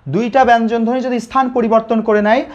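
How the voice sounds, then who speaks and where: Bangladeshi teacher drilling grammar questions. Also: male voice, very high voice, fairly even intonation, fast. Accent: Bangladeshi Bengali. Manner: repeats questions and answers them himself. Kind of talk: live online grammar lesson. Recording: slightly dull lo-fi audio.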